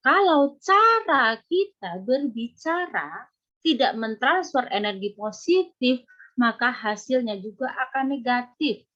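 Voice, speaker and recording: A woman's voice: fairly high pitch, sing-song, slow, pushed and bright. A woman giving a parenting seminar to parents, explaining points and checking in with her listeners directly. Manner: explanatory, addresses the audience directly with rhetorical checks. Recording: muffled lo-fi recording.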